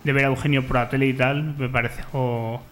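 A man co-hosting a radio show, talking in a relaxed, thoughtful way. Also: medium pitch, a little fast, a little hiss or hum. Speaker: radio co-host. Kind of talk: casual radio chat.

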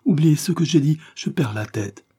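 A man's voice: lowish voice, moderate pace, dark tone, breathy edge. A man reading the part of an anguished young wife in an audiobook, in an urgent, pleading tone. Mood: distressed.

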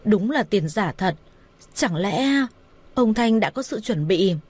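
A woman voicing a tearful older woman who begs and pleads in a high voice. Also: expressive, slow, darkish tone, slightly rough, no room sound. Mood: worried.

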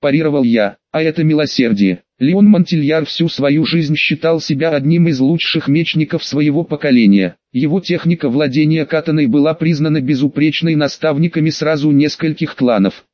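A man's voice: fairly high pitch, no room sound, muffled recording. A man reading an audiobook, narrating a fantasy action story with a sardonic edge.

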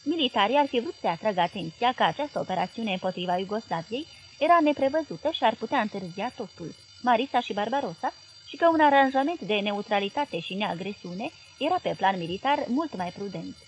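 A woman reading a novel aloud as audiobook narrator, steady and expressive. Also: mid-range voice, slight background noise, poor audio.

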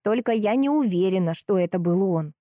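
A woman voicing a chatty elderly village woman, spry and sly, in a high quavering voice. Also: lively intonation, a little fast, dark tone, no echo, studio quality, lightly acted. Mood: folksy.

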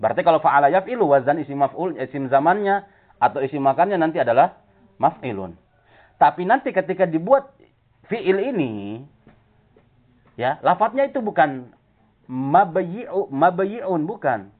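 A man with a fairly high voice leads a grammar lesson, walking through each rule and stopping to ask the class whether it is clear. The recording is thin and phone-like, squeezed into a narrow band. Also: big pitch swings, normal speed, long pauses. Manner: explains step by step, checks the class with "paham?" and "jelas?". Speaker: Arabic grammar teacher. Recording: tinny phone-like audio.

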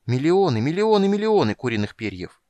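A small, curious kender with a voice raised well above the reader's own, as a man puts him on. He tells his tale eagerly and breathlessly, with a lively, bouncing pitch. The recording is dry and close. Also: fairly quick, clean tone, no room sound, lightly acted. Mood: excited.

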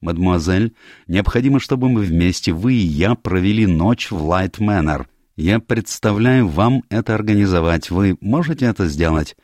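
A man voicing a fussy little Belgian male detective in an audiobook, speaking in a precise, measured, insistent way. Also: on the low side, big pitch swings, dark tone, dry recording, clean studio sound, pitched above the performer's own voice. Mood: commanding. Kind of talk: audiobook character voice.

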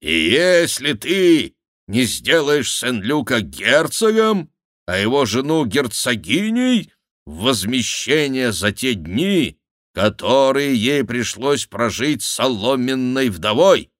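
A man voicing a stern male voice that poses as God and speaks slowly and solemnly. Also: mid-range voice, sing-song, fairly bright tone, no room sound, studio quality, pitched above the performer's own voice. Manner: slow, solemn, preaching.

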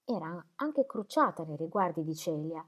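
A woman narrating a novel aloud in a measured, subdued way. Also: sits low, animated, a bit bright. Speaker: audiobook reader.

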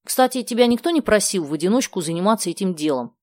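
A sharp-tongued, sarcastic schoolgirl, put on by a woman narrator in an audiobook. She snaps back high and loud, and the recording is dry. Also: animated, quick pace, no room sound, lightly acted. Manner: sarcastic, indignant.

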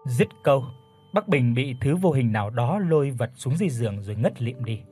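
A man narrating a ghost story as an audiobook, in a steady storytelling voice. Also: mid-range voice, fairly quick, faint music behind.

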